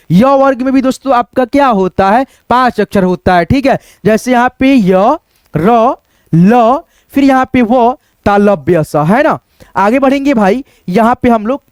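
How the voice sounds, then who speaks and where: A man's voice: extremely high pitch, a little mellow, dry recording. A man teaching the Hindi alphabet to beginners in a casual classroom style, asking and answering his own questions with many fillers.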